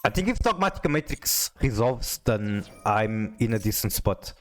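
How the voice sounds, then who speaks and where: A man streaming a casual card game, commenting with animated, disbelieving outbursts full of swearing and laughter. His voice is fairly low and his pace moderate, and Portuguese is his first language.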